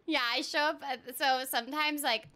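A young adult woman, a streamer and voice actor, chats casually on a livestream over a game from a small indoor room. Her voice sits high, pushed and bright, and she's playful and exuberant, theatrically acting out little quotes.

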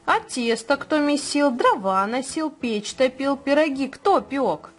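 A woman voicing a hardworking, patient male rooster in a children's storybook reading, calling out in a bright sing-song way. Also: high-pitched, animated, measured pace, soft background music, pitched above the performer's own voice. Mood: calling, firm.

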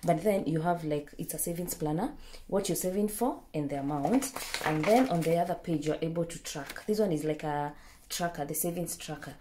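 A young Kenyan woman vlogging from her bedroom, casually showing a planner and pausing with fillers as she pages through it. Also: low-pitched, noisy background. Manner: chatty, unhurried, pauses with fillers while leafing through a planner. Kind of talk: casual product show-and-tell. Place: bedroom, indoors.

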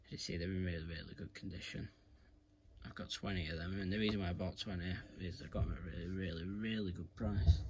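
A British man with a deep voice and steady tone talks fast through an informal hands-on tutorial, rambling and repeating himself. He records on a phone aimed at his hands, indoors at home in a carpeted room. Background noise is present.

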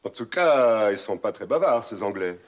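A man's voice: on the low side, expressive, moderate pace. An actor playing an eager man who stumbles over his words while trying to charm a visitor, in a sitcom. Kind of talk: sitcom acting.

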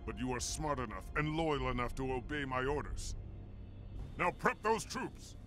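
Arrogant alien general, sharp forceful voice, swooping pitch, stern, formal, cartoon. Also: male voice, very animated, moderate pace, soft background music. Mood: stern, condescending. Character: arrogant, domineering male alien Jedi general. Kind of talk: animated series acting.

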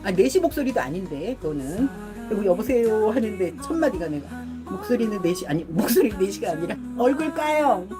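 A woman's voice: mid-range voice, big pitch swings, a little fast. Chatty middle-aged woman hosting a live stream. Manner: chatty, laughs often, frequent throat clearing. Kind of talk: casual live stream chat. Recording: music playing behind.

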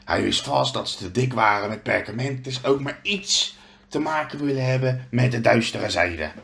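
A man reading a storybook aloud, voicing a huge, gruff but kindly male half-giant who tells his story with earnest hesitation. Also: mid-range voice, animated, normal speed, fairly bright tone.

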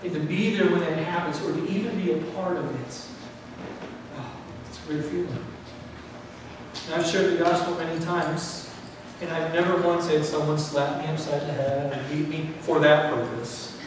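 A middle-aged man preaching a sermon in a church, animated, acting out what people think. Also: a little high, moderate pace, noisy background. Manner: animated, gesturing while preaching, acts out quoted thoughts. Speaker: pastor. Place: church sanctuary, indoors. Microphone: far camera, no mic worn. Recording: echoey hall from far off.

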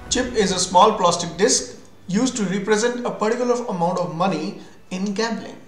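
Music and a roomy echo surround a high-voiced man with an Indian accent as he presents a scripted English vocabulary lesson at a moderate pace. Working as an English teacher, he explains instructionally, first defining words, then giving examples.

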